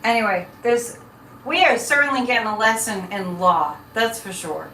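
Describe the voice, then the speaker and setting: Speaking at normal speed in a bright, forceful voice on the high side, a woman runs a casual live psychic chat. She rambles and cuts herself off mid-thought while addressing viewers, captured by a distant mic in an echoey room with faint noise.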